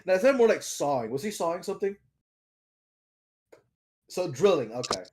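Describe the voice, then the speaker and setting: A man's voice: high-pitched, very animated, normal speed, darkish tone. A man chatting casually with friends during an online tabletop game, joking, swearing and giggling often.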